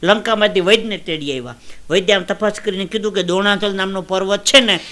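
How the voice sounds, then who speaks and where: High, bright-voiced comedian. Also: male voice, quick pace. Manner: swings from hushed asides to loud emotional declaiming, laughing at his own jokes. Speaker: stand-up comedian. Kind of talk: Gujarati folk stand-up storytelling.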